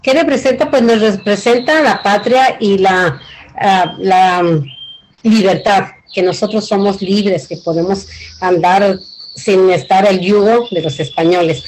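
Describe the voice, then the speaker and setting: Poor audio with slight background noise carries a medium-pitched, somewhat mellow female voice at a measured pace. She's a middle-aged or older community leader with a Mexican accent, invited to give an informal cultural presentation, and she speaks earnestly, ramblingly and colloquially.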